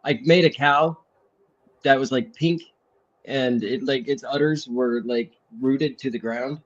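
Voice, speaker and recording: A podcast co-host, a man, rambles in an offbeat, deadpan way at a middling pitch. His voice comes through on a dull, lo-fi recording. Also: measured pace. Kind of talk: casual chat. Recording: dull, lo-fi sound.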